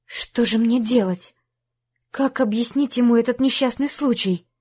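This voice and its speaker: A woman reading a first-person audiobook in a tense, measured storytelling manner. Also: on the high side, a little mellow, husky. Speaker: audiobook narrator.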